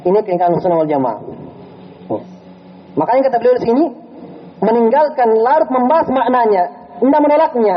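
A man's voice: high-pitched, highs cut off, a little hiss or hum. A man teaching a religious study lecture in a prayer room, telling stories with animation and often checking with his listeners. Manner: animated storytelling, checks with "ya?" and "jelas?".

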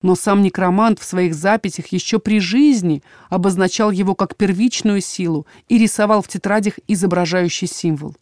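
A woman narrating a first-person fantasy audiobook in a measured, expressive way, on a close mic. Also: medium pitch, no room sound.

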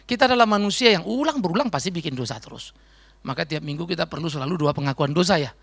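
A man preaching a sermon as pastor with an Indonesian accent, lively and acting out the voices he quotes. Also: fairly high pitch, quick pace, vocal fry, breathy edge, no echo.

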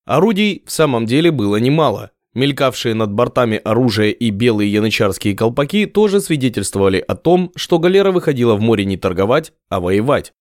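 A man narrating an adventure novel in a measured storytelling voice. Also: mid-range voice, very animated, no room sound, studio quality. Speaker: audiobook narrator. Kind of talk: scripted narration.

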